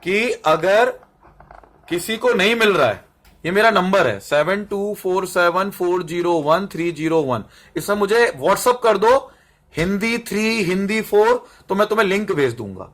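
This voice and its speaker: A man with a fairly high voice leads a classroom-style lesson. He drills students through lists of terms and syllables, repeats them slowly, and keeps checking that they follow. He records it himself on a camera that he sets up and adjusts. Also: lively intonation, fairly bright tone. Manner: drills terms and asks "समझ में आ रहा है?" to check understanding. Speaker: Hindi teacher. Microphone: camera mic, set up and adjusted by himself.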